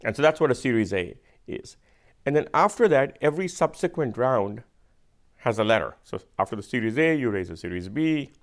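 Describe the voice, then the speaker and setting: A man with an Indian accent, a venture capitalist, explaining things patiently and with measured emphasis in casual conversation. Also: mid-range voice, animated.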